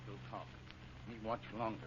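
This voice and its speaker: A man's voice: fairly low pitch, flat delivery, moderate pace, a bit bright, natural voice. Man acting Tonto, terse stoic scout. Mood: grave, stoic. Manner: terse broken pidgin English. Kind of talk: old-time radio western acting. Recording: muffled, noisy old radio recording.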